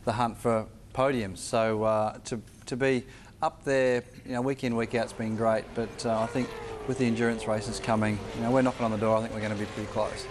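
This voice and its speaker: A man, a racing driver guest, answering in a measured, easygoing way with fillers. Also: fairly low pitch, level tone, a little hiss or hum. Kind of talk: television interview.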